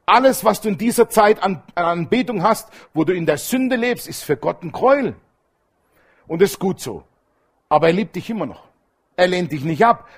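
Male preacher, husky, high and very lively pitch, emphatic sermon delivery. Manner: animated preaching, swings between loud emphatic lines and low hushed asides.

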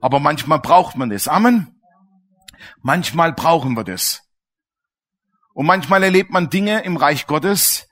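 A man's voice: medium pitch, a bit bright. A man preaching a sermon in a colloquial, storytelling way, turning to his listeners with questions. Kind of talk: sermon with personal stories.

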